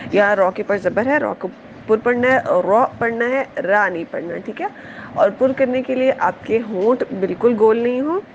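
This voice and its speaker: A woman teaching Quranic pronunciation in a tajweed lesson. She explains each sound patiently, repeats it slowly and checks her students understand. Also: fairly high pitch, creaky, lo-fi sound, a little hiss or hum.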